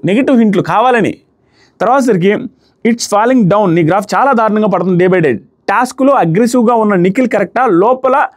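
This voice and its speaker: A man's voice: high voice, darkish tone. A man giving a casual, emphatic review of a reality show episode, retelling scenes in quoted lines.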